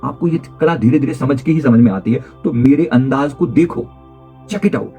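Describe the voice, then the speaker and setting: A man as a life coach giving an emphatic motivational talk on communication skills. He repeats key phrases and swings his pitch and pace to show his point. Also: fairly quick, warm tone, soft background music.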